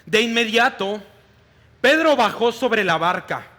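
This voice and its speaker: A male pastor giving a sermon in a church hall, reading scripture in a slow, deliberate way. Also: high voice, expressive, pushed and bright. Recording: long reverb of a large hall.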